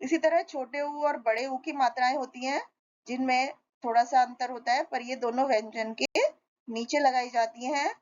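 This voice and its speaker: A woman teaching young children a reading lesson, sounding out syllables one by one and explaining slowly. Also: high voice, fairly even intonation. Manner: slow, deliberate, spells out sounds syllable by syllable. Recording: dull lo-fi recording.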